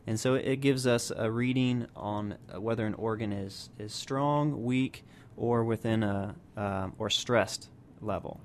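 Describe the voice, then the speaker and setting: Low-voiced man explaining with faint hum. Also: unhurried, few pauses. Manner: explanatory, many fillers and restarts. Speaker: health practitioner guest. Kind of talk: radio interview.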